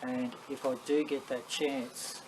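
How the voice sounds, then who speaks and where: A man's voice: mid-range voice, flat delivery, takes it slowly. An Australian man giving a casual, rambling, matter-of-fact talk to a group as a paranormal investigator, telling anecdotes. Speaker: paranormal investigator leading a session. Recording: clearly noisy live ambient recording.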